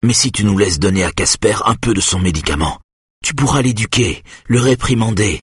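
A narrator doing a frightened man who begs with a trembling voice in a thriller audiobook. The tone is husky and breathy, recorded close and dry. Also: lowish voice, expressive, brisk, dry recording. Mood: pleading. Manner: pleading, voice quavering. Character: desperate man pleading for a child.

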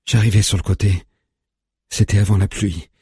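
A man voicing a frightened young adult son, speaking in a hushed, shaken way. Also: fairly low pitch, steady tone, normal speed, husky, no room sound, clean studio sound, pitched above the performer's own voice.

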